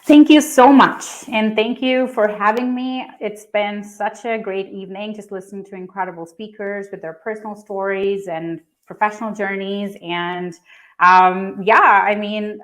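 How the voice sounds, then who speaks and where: A woman's voice: mid-range voice, fairly even intonation, normal speed, a bit bright. A woman in her thirties from Pakistan, telling her personal story at a startup event in a conversational way with lots of fillers and restarts. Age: 30s. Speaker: founder and speaker.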